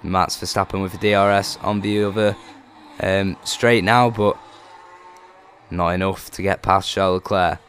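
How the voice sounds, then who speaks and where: A man giving motorsport race commentary as a co-commentator, getting excited as the action builds. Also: deep voice, normal speed, slight background noise.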